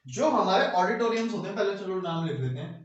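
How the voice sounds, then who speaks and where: A male teacher giving a classroom lecture with a Hindi accent, repeating phrases and checking in with his class, slowing down to dictate notes. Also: high-pitched, animated, muffled recording. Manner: repeats phrases, keeps asking "ठीक है"; slows down while dictating notes. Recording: very echoey room, mic far off.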